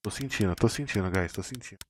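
A man's voice: quick pace, faint music behind. Hyped Brazilian gamer guy squealing at wins. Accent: Brazilian Portuguese. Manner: excitable, slangy, hyping himself up; sudden high squeals when winning. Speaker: gaming streamer. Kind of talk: casual case-opening commentary.

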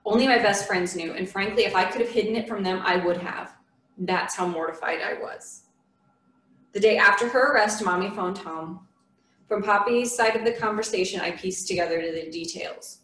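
A woman reading a memoir aloud in a church, in a measured, earnest storytelling voice. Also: medium pitch, fairly bright tone. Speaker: memoir reader. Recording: echoey room from a distant mic.

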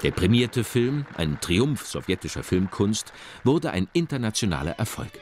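A man reading scripted documentary narration in a measured, expressive way. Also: lowish voice. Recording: narration over loud music.

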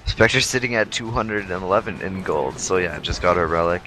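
A man co-commentating a video game match in a laid-back, halting way. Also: low voice, pushed and bright, slight background noise, low-quality recording. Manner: laid-back, hesitant with many fillers. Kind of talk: casual esports commentary.

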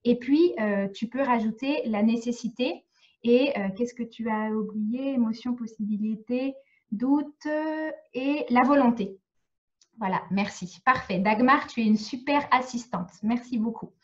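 Over a video call, a woman from France gives a live online French lesson with a fairly high voice and an unhurried delivery. Patient in her explanations, she frequently makes sure her students are keeping up. The audio is lo-fi.

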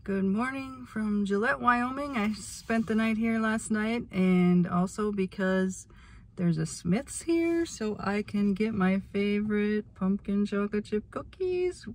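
With a mid-range voice and lively intonation, she takes it slowly as she talks to the camera. This middle-aged travel vlogger from Minnesota holds her phone at arm's length and rambles in a chatty, self-amused way, first in a car, then on snowy ski trails, breathless from the altitude.

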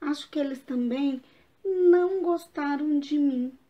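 A woman voicing a sad, lonely little male puppy with a high, tearful, childlike voice, in a dull lo-fi recording. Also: measured pace. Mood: dejected.

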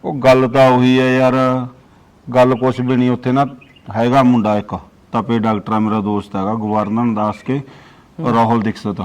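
A man's voice: mid-range voice, completely flat delivery, normal speed, a little mellow, clean tone, lightly acted. A man playing a tired father complaining about his wife. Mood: weary. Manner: tired, grumbling, resigned. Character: weary older father, fed up with his wife. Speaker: father in a comedy sketch. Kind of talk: comic village drama.

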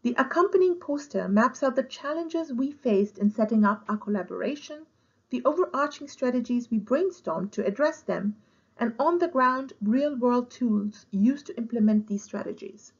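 A woman who is a program director, reading a scripted conference presentation in a measured, formal way. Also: fairly high pitch, lively intonation, slightly rough, highs cut off. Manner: measured, formal read-aloud delivery.

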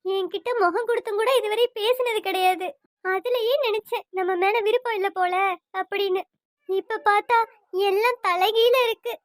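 A woman's voice: extremely high pitch, fairly even intonation, brisk, fairly bright tone, no echo, clean studio sound. A woman voicing a heartbroken young wife in a cartoon, crying as she speaks about her husband's betrayal. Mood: grieving. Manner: tearful, sorrowful.

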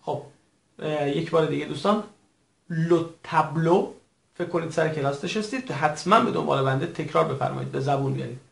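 A man teaching a recorded language lesson in a formal, patient way, repeating each word slowly for his learners. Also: a little high, gravelly. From Iran. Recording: echoey room.

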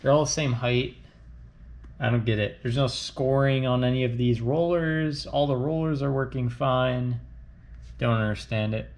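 In his home garage, a man in his thirties who runs a car channel takes apart an engine while talking casually to the camera, thinking aloud with fillers and trailing doubts. His mid-range voice is a little mellow and moves at a moderate pace. He's picked up by an action camera on his body and one on a tripod.

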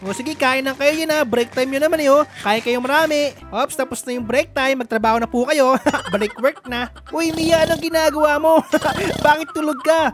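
A high-pitched woman with a Filipino accent narrates her gameplay for her channel in a playful, giggly way, laughing often. Background music plays under her voice throughout. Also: steady tone, moderate pace. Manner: playful, giggly, talks to viewers as "guys". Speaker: gaming channel host. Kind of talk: Roblox gameplay commentary.

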